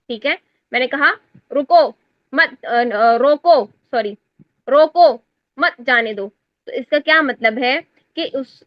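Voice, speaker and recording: A woman's voice: high-pitched, no room sound. A woman, teaching a class on Quran recitation and explaining exam answers step by step while she checks that her students follow. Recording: dry, dull lo-fi sound.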